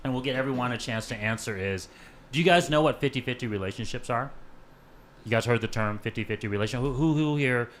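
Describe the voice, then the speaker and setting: A man's voice: fairly low pitch, fairly bright tone, a little hiss or hum. A man hosting a casual panel podcast, asking his guests questions and often checking in with "right?" and "okay.". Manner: conversational, asks questions, frequent "right?" and "okay". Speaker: podcast host.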